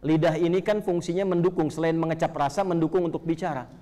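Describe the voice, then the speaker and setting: Indonesian guy preaching in a big echoey mosque hall, higher voice, goes loud then drops low. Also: quick pace. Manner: lively, swings between loud emphatic calls and low quiet asides. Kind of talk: sermon.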